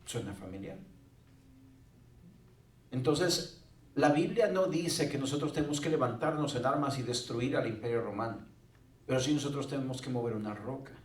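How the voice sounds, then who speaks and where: A man's voice: medium pitch, lively intonation, normal speed, long pauses. A male pastor preaching a sermon in a conversational way with joking asides. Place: church sanctuary. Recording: roomy church sound from a distant mic.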